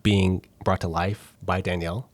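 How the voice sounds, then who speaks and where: A man, a film director, talking casually and excitedly on a podcast with many restarts. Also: low voice, moderate pace, dry recording. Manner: enthusiastic, rambling with restarts.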